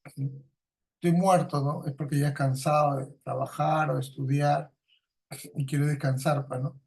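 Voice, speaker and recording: A man's voice: on the high side, little pitch movement, moderate pace, vocal fry. A man teaching a class, explaining through everyday examples, repeating his points and tagging nearly every sentence with a questioning "no?". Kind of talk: lecturing a class.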